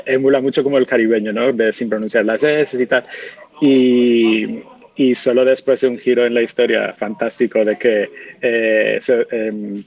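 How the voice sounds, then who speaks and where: A man with a medium, quite flat voice who muses aloud in a recorded clip. He rambles through his points in an even tone and keeps circling back to them. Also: medium pitch.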